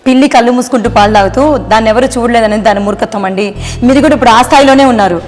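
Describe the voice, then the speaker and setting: A woman acting as a wife who is fed up with her deceiving husband, speaking in a sharp, reproachful way in a melodramatic family drama. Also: a little high, racing, natural voice. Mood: accusing. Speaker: actress in a family drama short. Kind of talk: melodramatic short-video acting. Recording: roomy reverb with background music.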